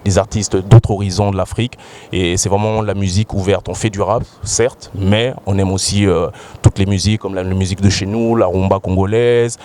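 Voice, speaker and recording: A man's voice: sits low, fairly even intonation, normal speed, darkish tone, a little hiss or hum. A rapper speaking outdoors, earnest and a little hesitant, promoting his group's music. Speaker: rapper guest. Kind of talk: promotional talk.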